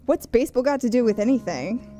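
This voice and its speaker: A woman's voice: on the high side, animated, fast talker, mellow, soft background music. A woman co-hosting on radio, reading a comedy skit with teasing comebacks. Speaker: radio co-host.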